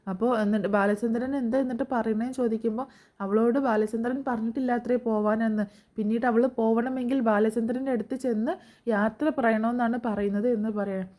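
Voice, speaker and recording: A woman with a fairly high but mellow, warm voice casually recounts a TV serial episode. She talks in a chatty storyteller's way, tagging friendly little words onto her sentences. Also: fairly even intonation, a little fast. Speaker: serial recap narrator.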